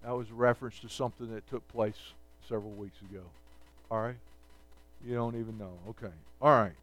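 A pastor leads a midweek Bible study, reading scripture aloud and explaining it in a conversational way, frequently checking in with "okay" and "all right." His mid-range voice is fairly bright and even in intonation, and he speaks fairly quickly.

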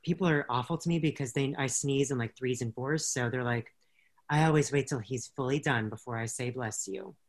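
A woman's voice: extremely low pitch, fairly quick. Female podcast co-host, casual, rambling, self-correcting. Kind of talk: casual chat.

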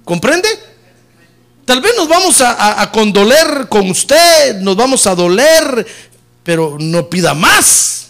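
A man preaches a sermon in a high, lively voice that swoops widely in pitch. He is a middle-aged pastor who mixes jokes into his message. He climbs to loud emphatic peaks, then drops low and soft when addressing his listeners. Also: takes it slowly, creaky. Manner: preaching with humor, rising loud on key points and dropping low and soft on "hermano".

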